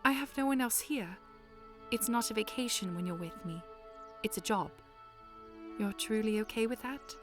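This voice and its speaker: A woman's voice: a little high, moderate pace, long pauses, close to an everyday voice. A woman playing a polite, earnest young princess with formal, articulate phrasing in a fan audio drama, music behind her. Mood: hesitant, polite.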